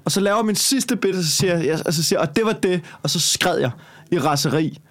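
A man, a stand-up comedian telling a story in casual conversation and swearing a lot. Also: fairly high pitch. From Copenhagen. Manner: swears a lot, heated and animated when retelling.

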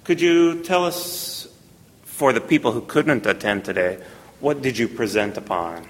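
A man hosting a podcast interview, friendly and quick to laugh. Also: medium pitch, lively intonation, in a large hall. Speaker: podcast host.

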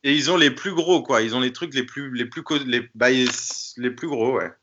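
A man explaining something in a casual chat, halting and often searching for words. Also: medium pitch, pushed and bright, dull audio, slight background noise.

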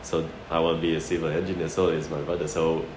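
His voice is extremely low and flat, and he talks fast. The speaker, a Malaysian chef from Sarawak who later lived in New Zealand, chats through anecdotes informally in an interview, repeating phrases as he goes, against loud background noise and a roomy echo.

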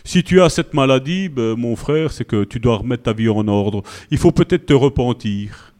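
A man's voice: medium pitch, animated, normal speed, darkish tone, voice pushed down, close to an everyday voice. A pastor voicing a self-righteous male believer who tells a friend his hidden sin is to blame. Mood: condescending. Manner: condescending, preachy. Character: smug, pious male believer lecturing a friend.

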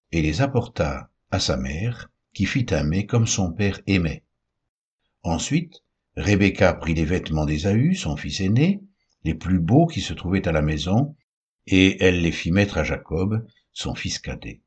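A man giving a measured, solemn scripted reading of the Bible. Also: low-pitched, big pitch swings, a little mellow, breathy edge, lo-fi sound. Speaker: Bible reader.

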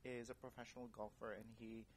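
A man's voice: medium pitch, level tone, slight background noise. A man in his twenties from the Philippines, an actor and director speaking as an interview guest in an earnest, reflective way. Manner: earnest and reflective, thoughtful pauses. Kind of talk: casual interview.

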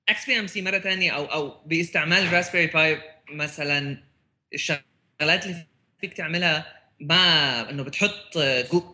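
A man's voice: sits high, sharp tone. A man with a Levantine Arabic accent in a casual tech discussion, often repeating words as he searches for phrasing and mixing in English terms.

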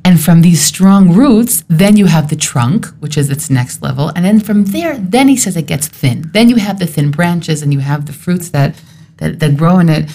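A woman with a lowish, dark-toned voice leads a Torah study discussion at a normal speed, her intonation lively. She thinks aloud in a searching, thoughtful way, restarting as she reasons things through.

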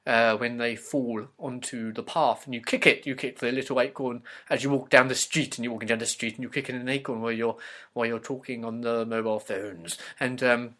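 Brief: male comedian, rambling improvised monologue, halting, mid-pitched voice. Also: steady tone, a bit bright. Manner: rambling, absurd, halting with fillers.

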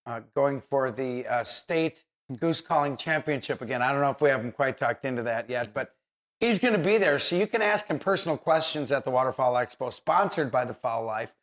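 A man's voice: medium pitch, expressive, brisk, fairly bright tone. A man hosting a casual how-to interview in an encouraging manner. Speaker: host.

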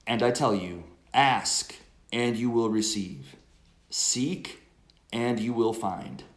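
A man, a priest, reading the gospel and preaching a homily at Mass in a measured, earnest way, his voice ringing in a cathedral-like echo. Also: medium pitch. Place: large church. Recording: echoey church acoustics.

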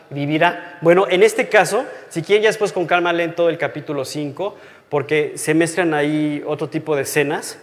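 Guy teaching scripture, kinda high voice, earnest and personal, big hall echo. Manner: earnest and personal, drops to a hush on key phrases. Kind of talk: conversational Bible teaching. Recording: long hall reverb.

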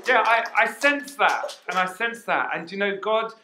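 High, bright-voiced preacher in an echoey hall. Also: male voice, normal speed, a little hiss or hum. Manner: energetic, asks the congregation questions. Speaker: pastor. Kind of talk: sermon. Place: church hall. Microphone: headset mic.

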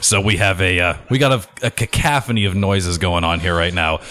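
A male podcast host speaking in a quick, friendly way with joking asides, from a home room with the window open. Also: deep voice, bright, forceful tone. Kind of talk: casual podcast conversation.

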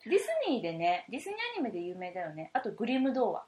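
A woman's voice: mid-range voice, sing-song, racing, a little mellow. A woman with a Kansai accent co-hosting a casual chat podcast, chatty and slipping between Kansai and standard Tokyo speech. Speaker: podcast co-host.

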